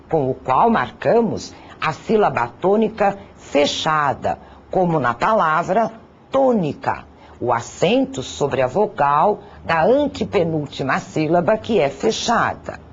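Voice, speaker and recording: A teacher narrating a grammar lesson, deliberate and careful, sounding out syllables and listing example words one by one. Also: mid-range voice, breathy edge. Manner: slow, deliberate, spells out syllables and lists examples. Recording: dull lo-fi recording.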